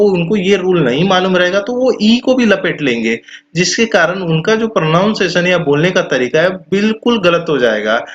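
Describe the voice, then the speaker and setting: A man teaching English pronunciation in a lesson, repeating example words slowly and stretching the vowels. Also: high voice. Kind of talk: explanatory lesson. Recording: dull lo-fi sound.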